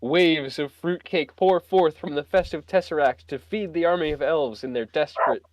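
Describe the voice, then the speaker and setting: A man's voice: a little high, normal speed, no echo. Playful man reading a text adventure. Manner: playful, breaks into laughter. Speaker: player narrating.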